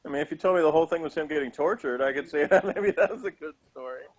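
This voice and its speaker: Speaking fast in a fairly high voice, this man co-hosts a TV review program. His casual rundown of a sci-fi episode is full of sarcastic, mocking digs.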